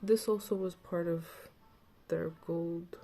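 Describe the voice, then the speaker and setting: Slow, mellow woman with a lisp. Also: on the low side, fairly even intonation. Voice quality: slight lisp. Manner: rambling, chatty, with many fillers. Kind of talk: casual chat.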